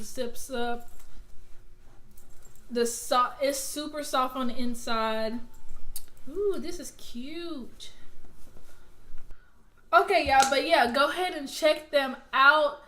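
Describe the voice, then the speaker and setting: A woman's voice: sits high, fairly bright tone, slight background noise. A young woman from Alabama, chatting casually to her viewers in an unboxing vlog and Q&A, rambling and drifting off track. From Alabama, US South. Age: young adult. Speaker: vlogger.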